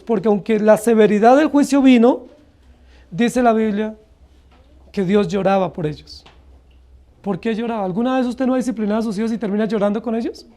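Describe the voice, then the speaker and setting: A man's voice: high-pitched, warm tone. A man with a Colombian accent preaching an expository sermon as a pastor, earnestly asking the congregation one rhetorical question after another. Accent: Colombian Spanish.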